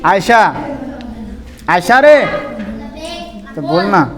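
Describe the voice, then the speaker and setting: A man's voice: high-pitched, big pitch swings, very slow. A man who teaches religion, running a classroom quiz and roll call. He teases and scolds his pupils and calls them "son". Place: classroom with children. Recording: echoey room reverb.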